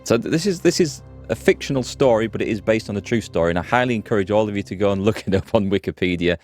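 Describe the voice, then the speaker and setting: A gaming streamer with a fairly low, darkish voice plays a strategy game live, speaking quickly and expressively over soft background music. In casual let's play commentary, he thinks aloud and greets viewers by name.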